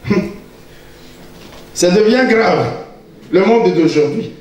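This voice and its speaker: A high-pitched man in his fifties preaching with force, teasing his flock and breaking into shouts. He stands well away from the mic, and his voice rings through a large, echoing church hall. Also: lively intonation, slow, recorded from a distance. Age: 50s. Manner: emphatic, bursts into shouting, teasing. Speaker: pastor. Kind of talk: sermon.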